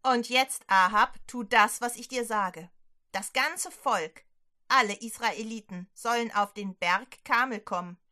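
A woman's voice: on the high side, lively intonation, unhurried, sharp tone. A woman voicing a stern male prophet who scolds a king and commands the people, in a children's Bible story. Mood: commanding.

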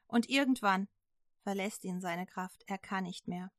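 A woman narrating a Bible story for children with lively, chatty asides. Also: mid-range voice, measured pace, dry recording, clean studio sound.

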